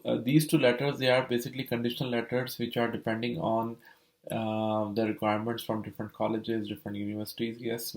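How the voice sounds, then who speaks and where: A young man from Saudi Arabia, a vlogger, casually describes his experience with the study permit process. His voice is lowish and a little mellow, the recording is rough, and he rambles with many fillers and restarts.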